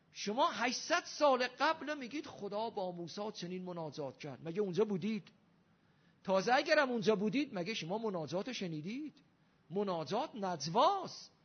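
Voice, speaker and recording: A Shia cleric delivers a religious lecture in a high, husky voice, building his argument with rhetorical questions and an emphatic, rising delivery. The recording is dull and lo-fi.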